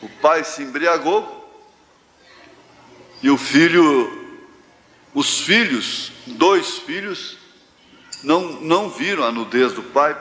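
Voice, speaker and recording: Folksy preacher in an echoing church. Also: male voice, mid-range voice, fairly bright tone. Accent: Brazilian Portuguese, central-west. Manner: folksy storytelling preacher, drawn-out phrases. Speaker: pastor. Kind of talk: sermon. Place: large church hall. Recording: live church hall reverb, faint ambience.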